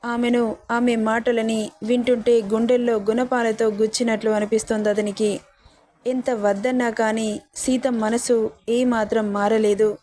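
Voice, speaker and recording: A woman storyteller with a slightly high but dark, mellow voice reads a scripted story aloud. She speaks every character's lines in her own voice, with no change for each role. The delivery stays steady narration. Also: a little slow.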